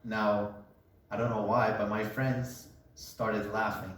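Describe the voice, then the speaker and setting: A young Colombian man gives a casual testimony, relaxed and joking as he takes it slowly. His slightly low voice is some distance from the mic, in an echoey room with heavy reverberation and a faint hum underneath.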